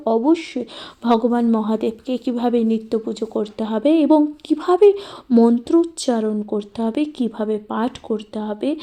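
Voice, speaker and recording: Slow, dark-voiced woman reading scripture. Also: on the high side. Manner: slow, measured chanting of mantras. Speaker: religious reader and host.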